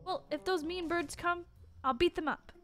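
A woman's voice: very high-pitched, normal speed, bright, forceful tone, faint music behind. A woman voicing Brinley, a chatty, bossy teenage camper who loves gossip, in a fan roleplay. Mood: boastful. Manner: chatty, bossy, a bit smug.

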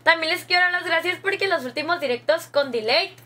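A woman's voice: very high voice, brisk, sharp tone. A young woman with a Mexican accent, chatting casually with viewers on a gaming stream, slangy and laughing often. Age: young adult. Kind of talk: casual live-stream chat reading viewer comments.

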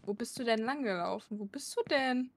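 A woman's voice: on the high side, fairly quick. A woman streaming a climbing game with a friend, exasperated and swearing, talking casually in speech. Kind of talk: casual gaming chat.

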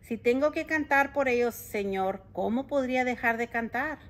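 A woman voicing a cheerful, stubborn little male rooster in a storybook reading, in a bright, earnest, sing-song manner. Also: fairly high pitch, moderate pace, pitched above the performer's own voice, lightly acted. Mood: defiant cheerful.

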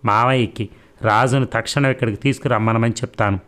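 A man reading the part of a caring young man who speaks slowly and softly to comfort his cousin. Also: medium pitch, fairly even intonation, natural voice. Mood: firm.

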